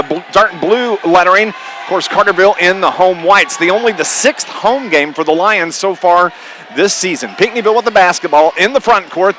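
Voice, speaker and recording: Bright, forceful, and high-pitched, a man handles live radio play-by-play of a basketball game in clipped running phrases. It's a noisy live gym broadcast, with gymnasium ambience and bouncing basketballs behind him.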